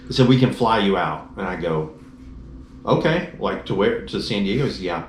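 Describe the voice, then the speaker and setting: A man with a fairly low voice tells a rambling personal story in a relaxed chat, slipping into other people's voices as he quotes them. He is in a roomy, echoey space with a faint hiss underneath. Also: fast. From Dallas-Fort Worth area, Texas. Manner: animated storyteller, acts out quoted dialogue. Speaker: motorcycle trip rider telling his story.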